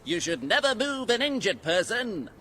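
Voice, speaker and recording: A preachy game character who lectures with advice in a bright, high, sing-song voice. The tone lifts and dips animatedly through each piece of advice. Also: male voice, big pitch swings, normal speed, slight background noise, full character voice.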